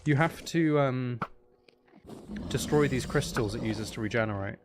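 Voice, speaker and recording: A male streamer gives live, casual commentary on a video game, lively and prone to exclamations and playful grumbling. He speaks at a normal speed with a medium pitch, and there is background noise.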